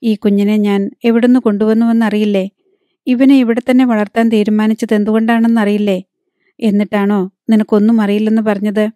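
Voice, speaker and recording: Woman reading as a wounded young husband, stern and pleading, mellow dry storybook voice. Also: medium pitch, little pitch movement, a little fast, no room sound, natural voice. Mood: hurt, pressing.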